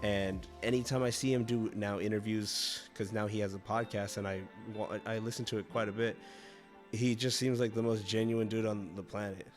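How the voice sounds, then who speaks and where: Young man, low voice, laid-back, laughs a lot, casual swearing, livestream guest, faint background music. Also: fairly even intonation, moderate pace.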